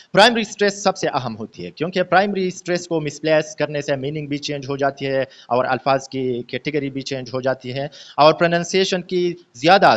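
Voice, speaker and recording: A man teaching English pronunciation in an online lesson, explaining slowly with many hesitations and frequent check-ins. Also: mid-range voice. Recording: dull lo-fi voice recording.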